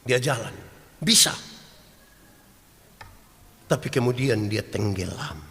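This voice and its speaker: A man preaching a sermon, animated and storytelling, swinging from loud acted quotes to hushed asides and asking the congregation questions. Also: medium pitch, takes it slowly, vocal fry. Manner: homely storytelling with humor and rhetorical questions. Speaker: pastor. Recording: long hall reverb.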